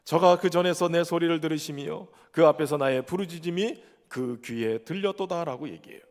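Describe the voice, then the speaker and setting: A male pastor with a notably high voice delivers a sermon, putting questions to the congregation and answering them himself. His voice rings out with a long reverb that trails through the church sanctuary.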